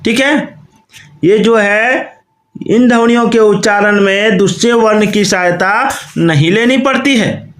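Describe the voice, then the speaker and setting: Slow, high-voiced male grammar teacher. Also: echoey room. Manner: slow, explains step by step and often repeats the question; says "okay" and "you can see" often. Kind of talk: recorded online lesson.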